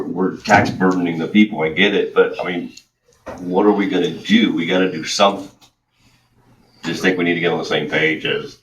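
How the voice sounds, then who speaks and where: A man serving as a county official, speaking bluntly and plainly, tripping over his words. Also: sits low. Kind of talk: discussion at a public meeting. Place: county council chambers. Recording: distant mic in an echoey room with faint noise.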